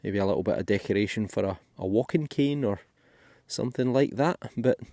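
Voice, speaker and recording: Man, Scottish accent, mellow, dry close sound, outdoor detecting vlog, thinking aloud. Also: on the low side, brisk, gravelly, dry recording. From Scotland. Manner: chatty, thinking aloud, musing. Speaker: metal detecting vlogger. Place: outdoors in a field.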